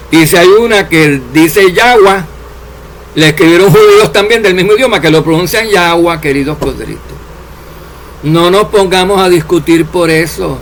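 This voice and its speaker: Spanish-speaking preacher with a higher voice. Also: male voice, slight background noise. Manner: addresses listeners as dear servants, drops voice at endings. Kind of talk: sermon.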